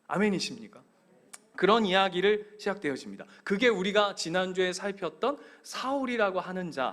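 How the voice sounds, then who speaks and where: A male pastor delivers a sermon in a church, his fairly high voice rising and falling with great animation. He tells stories with energy and keeps turning to the congregation with direct questions. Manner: animated storytelling. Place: church sanctuary.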